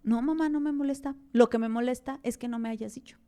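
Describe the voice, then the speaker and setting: A Mexican woman quoting her young daughter, about eleven, speaking softly in a slightly raised voice. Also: a little high, steady tone, a little fast, natural voice. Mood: earnest. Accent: Mexican Spanish.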